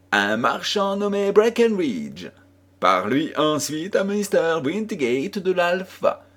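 A man reading an audiobook, voicing a calm, clever detective who speaks in a measured, smooth way. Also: fairly high pitch, pitched above the performer's own voice, exaggerated voice. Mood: assured. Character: Sherlock Holmes, calm, clever, confident man.

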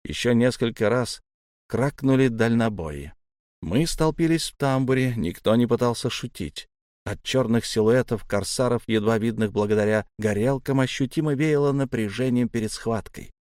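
A man narrating a fantasy novel in the first person, with a measured, steady reading. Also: medium pitch, no room sound, studio quality. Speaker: audiobook narrator.

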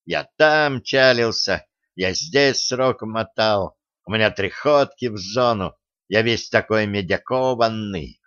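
A man acting out a bullying teen hoodlum in a spoken storybook, slow drawling menace, full of swagger, with a smooth, clear voice. The recording is slightly muffled and lo-fi. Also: lowish voice, fairly bright tone. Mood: boastful. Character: swaggering teen thug, bully boasting of prison.

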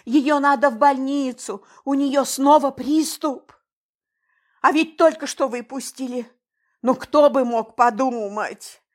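A woman's voice: high-pitched, slow pace. A woman doing Adam Egorovich, a flustered pleading man. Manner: pleading, soothing. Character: flustered older man playing a worried dad.

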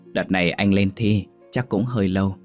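A man reading a story, voicing a smooth-talking, manipulative young man who coaxes. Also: sits low, fairly even intonation, normal speed, soft background music, lightly acted. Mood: coaxing. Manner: coaxing.

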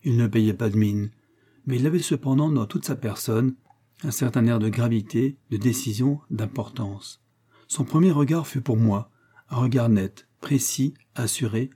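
Mellow-voiced man reading a story. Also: mid-range voice, slightly rough. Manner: measured, expressive storytelling. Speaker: audiobook narrator. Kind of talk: reading a classic short story aloud.

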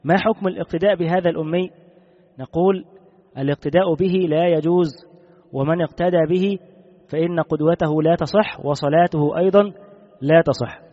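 Man giving a text lesson on religious law, fairly high voice, dull sound with a long echo. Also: steady tone. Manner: measured, repeats key rulings. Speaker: Islamic law teacher. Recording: dull recording with long reverb.

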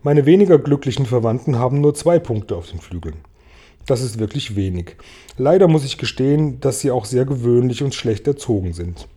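A man's voice: medium pitch, lively intonation, normal speed, mellow, slightly rough. A man voicing a prim, genteel ladybug. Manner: polite, snobbish and modest. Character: genteel, proud female ladybug. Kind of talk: audiobook reading.

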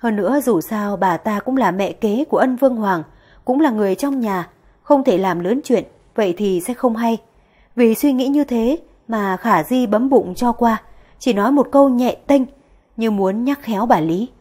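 Woman audiobook narrator, fairly high, husky-breathy, steady delivery. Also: moderate pace.

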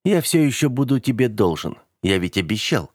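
A man reading an audiobook, voicing an earnest, calm young rich man who coaxes gently and sincerely. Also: mid-range voice, normal speed, no echo, studio quality, voice pushed up.

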